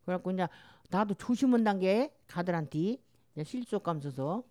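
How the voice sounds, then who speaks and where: An older Jeolla woman with a strong regional dialect chats casually as an interviewee, telling rambling stories. Her voice is fairly low, warm and animated, moving at a moderate pace.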